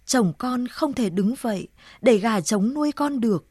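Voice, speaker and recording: A woman's voice: on the high side, lively intonation, moderate pace, a little mellow, breathy edge, no room sound, studio quality. A woman voicing a sorrowful old grandmother, murmuring tenderly to her dead daughter in a storybook reading. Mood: grieving. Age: older.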